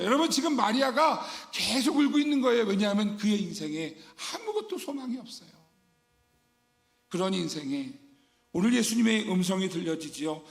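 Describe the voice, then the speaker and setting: A man's voice: high voice, creaky. A man preaching a sermon as pastor, fervent and dramatic, acting out scenes for his congregation. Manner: fervent preaching, acts out weeping Mary. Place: church sanctuary. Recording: long church-hall reverb.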